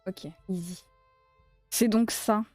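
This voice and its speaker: A woman's voice: mid-range voice, fairly even intonation, takes it slowly, a little mellow, no echo, soft background music. A woman from south-west France with a south-west French accent, chatting casually and playfully on a crochet live stream and laughing often as she answers her chat.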